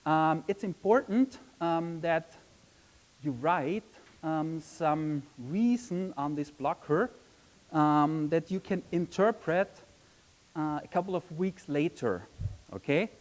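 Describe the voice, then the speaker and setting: A man's voice: fairly high pitch, animated, slow, rough recording. A man from Austria, giving a conference presentation in a chatty way, often saying "um" and asking "right?". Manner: chatty, frequent "um" and tag question "right?". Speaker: conference speaker. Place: conference session room.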